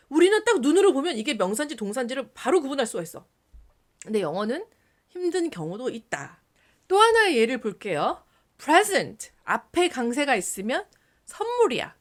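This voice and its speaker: A woman teaching an English lesson in a casual video, lively, switching between polite and casual speech and sounding out example words. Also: sits high.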